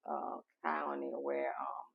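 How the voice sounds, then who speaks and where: A woman from Haiti, a memoir author, telling her story in a casual interview with reflective pauses and fillers. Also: extremely low pitch, sing-song, gravelly, husky. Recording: dull lo-fi recording.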